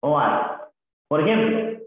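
A man's voice: a little high, big pitch swings, slow. A man giving a literature lesson, checking in with tag questions and reciting verses in a sing-song drawl. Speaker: literature teacher. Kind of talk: classroom lecture. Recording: very echoey, phone-like thin sound.

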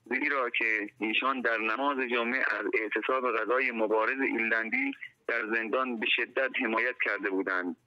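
A man from Iran leaving a voice message over a prison phone line, reading a formal statement in a solemn, measured way. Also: medium pitch, steady tone. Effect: voice message left over a prison phone line. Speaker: imprisoned teacher making a statement.

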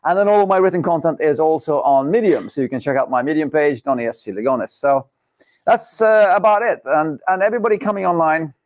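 A middle-aged podcast host with a slightly high, darkish-toned voice talks fast and animatedly, joking and chatting upbeat with his guest on a live studio interview show. The set has a dark backdrop, and the recording is dry.

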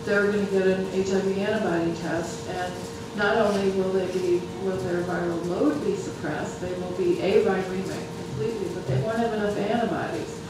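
A person presenting data at a public health meeting in a large, very echoey room, picked up from far across the space. The voice stays flat and level, with frequent halts and restarts. Steady background noise sits under it. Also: mid-range voice. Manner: halting, many restarts.

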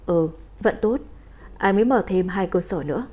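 A woman voicing a cold, commanding male crime boss in a storybook reading, speaking in a calm, clipped, firm way. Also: lowish voice, moderate pace. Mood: gentle.

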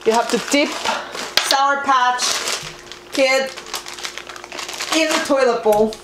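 High-pitched Korean-accented woman, echoey noisy room. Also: slow pace. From South Korea. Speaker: off-camera host of a family challenge video. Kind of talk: playful challenge hosting. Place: living room, indoors.

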